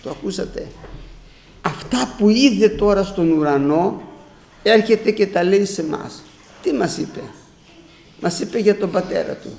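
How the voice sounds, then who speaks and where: A male preacher delivers a sermon, repeating phrases for emphasis and weaving in scripture. His voice sits high and has a gravelly edge. The room around him is echoey. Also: expressive, pauses often, a little mellow. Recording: roomy echo.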